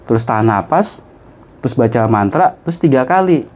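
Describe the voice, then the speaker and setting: A man, a guest telling a story in casual chat; he is animated and often laughs. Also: a little fast. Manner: animated, jumps high in pitch for quoted voices, laughs often.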